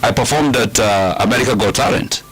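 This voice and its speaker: A man's voice: fairly low pitch, brisk, a bit bright, breathy edge, no room sound, faint music behind, rough recording. A middle-aged man from Kenya with a Kikuyu Kenyan accent, talking casually and emphatically as an interview guest, like a storyteller. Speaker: guest, comedian.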